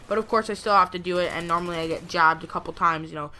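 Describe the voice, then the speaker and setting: This young woman, a gameplay video creator, talks fast in a fairly low, sharp-toned voice against slight background noise. While she plays, she casually rambles through a personal story, filling it with words like "like" and "you know."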